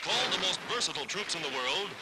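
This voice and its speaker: A man's voice: high voice, expressive, quick pace, heavy background noise. A man giving dramatic, declamatory 1940s wartime newsreel narration.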